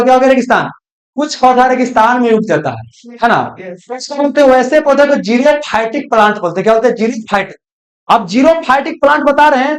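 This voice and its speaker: A coaching-class teacher works through a recorded lesson. The delivery is folksy, with students called "babu", and it drills each term by asking a question and answering it. The pitch sits in the middle range. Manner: drills by asking questions and answering them, repeats key terms. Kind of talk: recorded online lecture.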